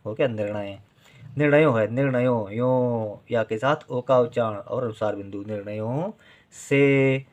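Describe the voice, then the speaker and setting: Man slowly spelling out a writing lesson. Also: mid-range voice. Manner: slow, deliberate reading and spelling out of syllables. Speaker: Hindi writing teacher. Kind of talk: spoken handwriting lesson.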